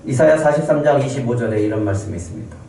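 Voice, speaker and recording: A man's voice: mid-range voice, expressive, very fast, dark tone, slight background noise. A man preaching a sermon as pastor, emphatic and asking the congregation questions. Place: church sanctuary. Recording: roomy hall from a distance.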